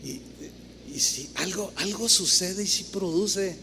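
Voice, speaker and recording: A man's voice: high voice, unhurried, bright, forceful tone. A man, preaching a conversational sermon as a pastor and breaking into asides where he talks to himself. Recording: reverberant hall with faint noise.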